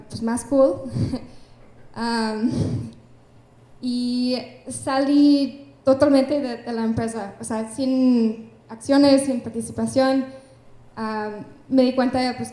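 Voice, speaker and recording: A young Canadian woman with a fairly high, dark voice speaks Spanish with an English accent. She's a startup founder being interviewed onstage at an event before an audience, sounding hesitant, using lots of fillers and laughing between phrases. The room is echoey.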